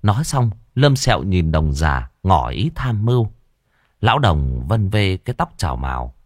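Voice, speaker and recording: Man, lowish voice, lively intonation, dry close sound. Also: moderate pace, dry recording. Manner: lively, vivid narration. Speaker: storyteller. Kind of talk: dramatic comic storytelling.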